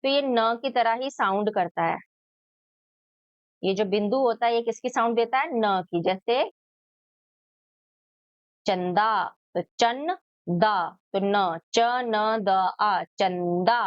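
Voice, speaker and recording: A woman teacher giving a children's lesson, sounding out each letter slowly and answering her own questions. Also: fairly high pitch, smooth, no room sound, highs cut off.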